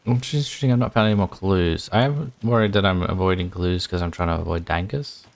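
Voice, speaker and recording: A man's voice: low voice, quick pace, creaky. A man casually commenting while playing a horror video game, muttering his thoughts aloud with a wry edge. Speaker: gaming channel host. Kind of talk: casual let's-play commentary.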